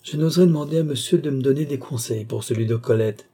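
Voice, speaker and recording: A man voicing a charming court countess who flatters sweetly and feigns timidity. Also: medium pitch, moderate pace, husky, close to an everyday voice. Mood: coy.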